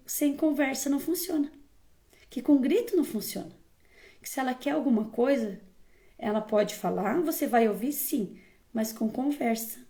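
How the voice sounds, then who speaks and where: A woman's voice: high-pitched, warm tone. A woman speaking as a parenting educator, giving firm, emphatic advice to viewers in a casual tone and often checking in with the listener.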